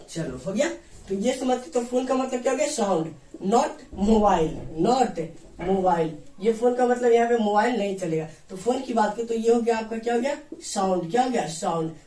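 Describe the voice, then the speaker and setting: A man's voice: high voice, darkish tone. A man teaching an English grammar lesson, who asks his own questions and answers them, drilling each point over and over. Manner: repeats questions and answers them himself, call-and-response drilling. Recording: echoey room, mic far off.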